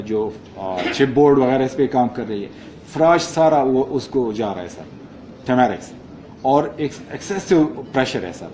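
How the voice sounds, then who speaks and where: A man's voice: fairly high pitch, a little mellow, a little hiss or hum. A man presenting a project report slide by slide, mixing English into his speech with many hesitations and frequent "sir". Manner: mixes English phrases into Urdu, many fillers, addresses listener as sir.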